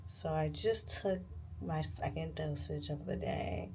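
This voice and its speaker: A woman's voice: low-pitched, measured pace, mellow, slight background noise. A woman chatting casually to camera as a vlogger, candid, informal and slangy.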